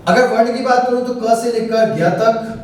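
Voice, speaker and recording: Speaking at a moderate pace from a distance, a man with a very high, somewhat mellow voice gives a classroom-style Hindi grammar lesson, asking questions and supplying the answers. The room is very echoey, with slight background noise.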